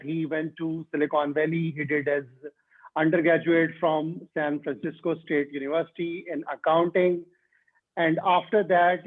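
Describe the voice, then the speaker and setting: A man hosting a podcast interview, speaking hesitantly with many fillers and restarts. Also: fairly high pitch. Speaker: podcast host. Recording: tinny phone-like line.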